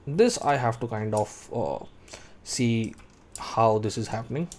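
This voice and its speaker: A 3D modeling tutor in his thirties teaches in a screen-recorded software tutorial, thinking aloud while working and calling out keyboard shortcuts. His mid-range voice is expressive and darkish, at a measured pace, with a little hiss or hum in the audio.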